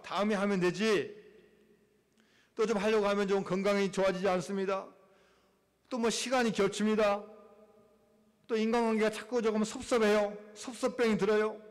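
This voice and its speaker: High-voiced preaching man, echoing hall. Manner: preaching, acts out quoted voices, swings from loud to hushed. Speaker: pastor. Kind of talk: sermon. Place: church sanctuary. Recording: long reverb of a church hall.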